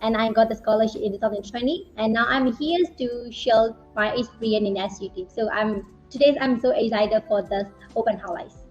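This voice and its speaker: A woman's voice: fairly high pitch, moderate pace, few pauses, faint music behind. A young woman with a Burmese accent, a student speaker presenting at an online open house over lo-fi audio. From Myanmar. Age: young adult.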